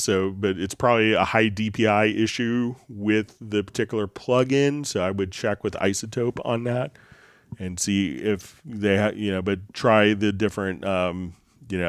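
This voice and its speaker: A livestream host answering software questions speaks in a very deep, smooth, magnetic male voice while getting over a slight cold. The casual tutorial talk is recorded dry and at studio quality through a close microphone running straight into a mixer.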